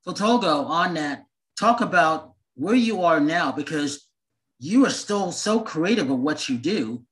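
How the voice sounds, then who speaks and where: A man's voice: a little high, animated, unhurried, a bit bright, poor audio. A man hosting an interview over a video call from a waiting room, upbeat and repeating his questions. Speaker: host.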